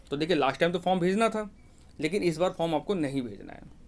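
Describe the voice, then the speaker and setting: A man explains an application form in rapid, casual speech, his voice sitting a little high for a man. He keeps reassuring listeners and repeats his check-in phrase as he guides them through each step. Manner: repeats "ठीक है ना" often, advising and reassuring. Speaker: exam guidance teacher. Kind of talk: informal Hindi explainer for job aspirants.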